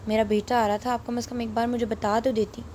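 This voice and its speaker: A meek, wounded mother who speaks quietly and holds back, as a woman reads her out. Her voice stays high and flat in a storybook reading. Faint noise lies behind. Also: natural voice. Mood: hurt. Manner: soft, hurt, subdued. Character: meek sorrowful mother, middle-aged woman.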